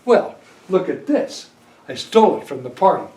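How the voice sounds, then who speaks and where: A stiff, defensive older husband who gets indignant when anyone questions him, as a man plays him. His pitch rises and falls a lot, and the room around him echoes. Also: big pitch swings, moderate pace, very noisy. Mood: offended. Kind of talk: film drama acting. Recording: roomy echo.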